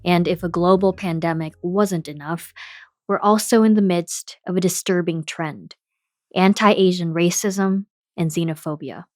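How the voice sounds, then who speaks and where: A woman's voice: fairly low pitch, unhurried, darkish tone, no echo, clean studio sound, soft background music. A woman hosting a podcast, telling a personal story in candid, scripted narration. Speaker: podcast host.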